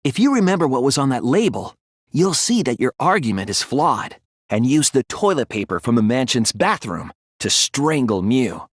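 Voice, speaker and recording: Calm and analytical, a teen boy detective from an English-language video game lays out his deductions about a murder in a monologue. He speaks softly and earnestly in a breathy, medium-pitched voice with a sing-song, expressive lilt, explaining step by step and stressing points dramatically. There's no room sound at all.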